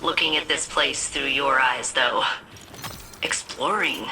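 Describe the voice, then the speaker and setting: A woman voicing a dry, sardonic female ship AI who speaks in a deadpan, offhand way. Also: extremely low pitch, takes it slowly, background noise. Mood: casual.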